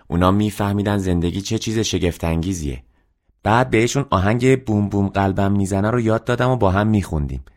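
A man's voice: low voice, darkish tone, pitched above the performer's own voice, close to an everyday voice. A man voicing a cheerful, carefree young boy telling his story in an audiobook. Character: cheerful boy back home, carefree and open.

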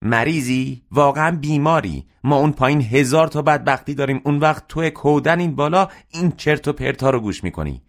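A man's voice: fairly low pitch, hardly any pauses, pitched above the performer's own voice, lightly acted. A man voicing a harsh, exasperated middle-aged mother who scolds her sons. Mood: scolding.

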